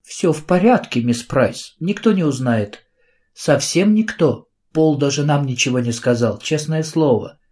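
An eager, kind young girl, put on by a male reader for a storybook. She speaks in a raised, earnest voice. The tone is soft-hearted and quick to worry. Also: fairly high pitch, lively intonation, pitched above the performer's own voice. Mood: soothing.

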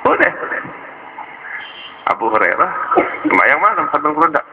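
A man's voice: fairly high pitch, normal speed. Man telling a story in a sermon. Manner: lively, colloquial storytelling. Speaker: preacher. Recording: dull lo-fi recording with noise.

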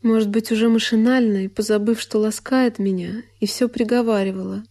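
With music in the background, a lone actress in a radio studio voices a sorrowful young woman remembering her lonely childhood in an intimate, deliberate literary monologue. Her pitch is fairly high and mellow, her intonation fairly even, and her voice close to an everyday one. The feeling is wistful and pained.

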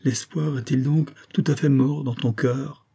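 A man's voice: mid-range voice, steady tone, a little slow, gravelly, warm tone, slightly rough, voice pushed up. A man reading an audiobook, voicing a powerful young prince who speaks firmly. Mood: resolute.

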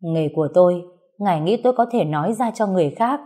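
A woman voicing a calm, proud male craftsman held captive, speaking curtly and evenly, in a storybook reading. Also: fairly low pitch. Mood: cool. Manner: cool, curt, measured.

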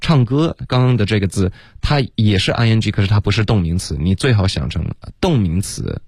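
A man teaching English pronunciation on a radio lesson, explaining patiently and slowing down to demonstrate each sound. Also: on the low side, animated, a little mellow, husky, no room sound, studio quality. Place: radio studio.

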